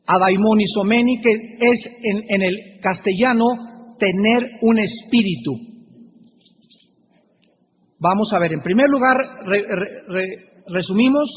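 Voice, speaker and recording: A man teaching a Bible lecture as a preacher, deliberate and repetitive, slowly sounding out Greek terms. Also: sits high. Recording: dull lo-fi recording in a reverberant hall with faint hiss.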